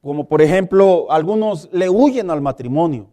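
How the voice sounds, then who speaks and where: A pastor preaching a sermon, emphatic, asking the congregation questions and acting out little dialogues. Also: male voice, on the high side, animated, normal speed, dark tone.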